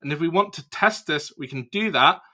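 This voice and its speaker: A young man casually walking through a software demo, explaining each step as he clicks. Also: on the high side, expressive, moderate pace. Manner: casual, explanatory, thinks aloud while clicking. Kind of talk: screen-recorded product walkthrough.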